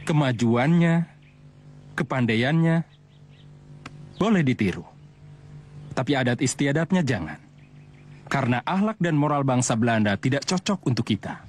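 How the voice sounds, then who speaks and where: An actor playing a stern aging father who lectures his son in a measured way. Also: mid-range voice, expressive, slight background noise, natural voice. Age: older. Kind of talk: TV drama acting.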